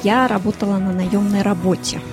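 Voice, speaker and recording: A woman in her thirties from Ukraine, a lawyer and consultant, answering interview questions in a measured way with fillers. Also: medium pitch, fairly even intonation, over music. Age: 30s. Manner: measured, listing things with fillers.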